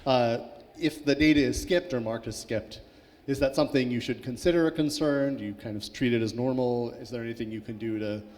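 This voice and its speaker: A man's voice: mid-range voice, a little fast, a little mellow. A man moderating a conference Q&A, reading out questions casually with many fillers. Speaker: session moderator. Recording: reverberant hall, faint background noise.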